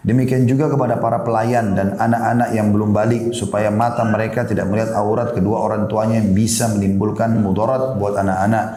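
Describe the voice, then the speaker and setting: Fast-talking male preacher, echoey room. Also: lowish voice, flat delivery, warm tone. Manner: conversational lecturing, acts out children's questions. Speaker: Islamic preacher. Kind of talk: sermon.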